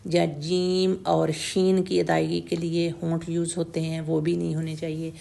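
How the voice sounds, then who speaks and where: A woman teaching tajweed pronunciation, slowly and patiently demonstrating each letter sound over and over and checking that the learner follows. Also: deep voice, flat delivery, gravelly, mellow. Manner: mixes English words into Urdu, checks in with "theek hai?". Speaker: Quran recitation teacher.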